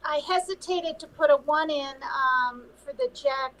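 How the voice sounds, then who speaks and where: Lady guest on a live panel, pretty high voice, hesitant, just chatting. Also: measured pace, a bit bright, low-quality recording. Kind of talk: casual chat.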